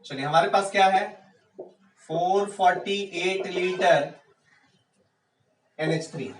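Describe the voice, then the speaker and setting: Casting: male chemistry tutor, high voice, fires rhetorical questions at the class, echoey room, mic at a distance. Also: slow pace. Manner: rhetorical questions, urging students on. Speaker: chemistry teacher. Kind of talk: exam-prep lecture.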